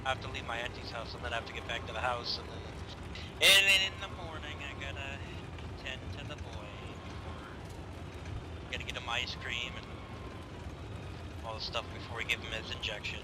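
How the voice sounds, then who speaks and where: A man talking as a tank commander in a military game, mixing casual, profane chat with military radio callouts over a loud tank engine. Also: moderate pace. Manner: profane, conversational. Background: loud tank engine rumble.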